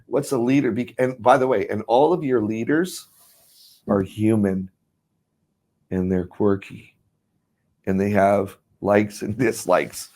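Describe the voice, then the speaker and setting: Low guy rambling through a ministry teaching, chuckles a lot, keeps restarting. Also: fairly even intonation, slow pace, pauses often, darkish tone. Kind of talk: casual teaching chat.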